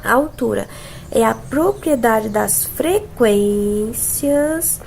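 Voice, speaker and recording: A woman's voice: on the high side, animated, very slow, gravelly, darkish tone, slight background noise. A Brazilian woman teaching a casual music theory lesson, explaining patiently and singing notes and imitating sounds to show them. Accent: Brazilian Portuguese.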